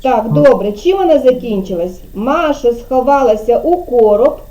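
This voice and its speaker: A woman's voice: fairly high pitch, expressive, moderate pace, mellow. A woman kindergarten teacher giving an online speech lesson to a child over a video call, patiently drawing out syllables and prompting.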